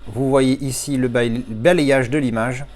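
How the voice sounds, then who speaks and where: A man talking viewers through an unboxing in a casual, chatty way, thinking aloud and breaking into excited exclamations. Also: medium pitch, unhurried. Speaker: collector reviewing an unboxing.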